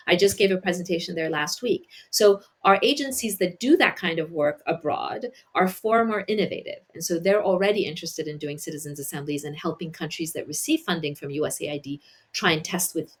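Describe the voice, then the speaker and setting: Woman, interview guest, lowish voice, measured, explanatory, frequent restarts. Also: breathy edge. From Iran. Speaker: guest, policy advisor. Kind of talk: conversational interview.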